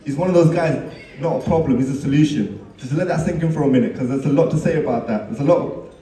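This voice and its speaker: A man's voice: fairly high pitch, fast talker, mellow. A man giving a teasing best man's speech at a wedding, laughing at his own stories. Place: wedding reception hall. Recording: echoey hall, mic at a distance.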